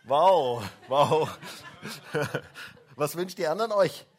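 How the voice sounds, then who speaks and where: Male pastor, Christmas sermon, a bit high-pitched, folksy, throws questions at the kids. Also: expressive, slow pace. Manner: chatty, asks the children questions, tag "hä?". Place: church service, also livestreamed.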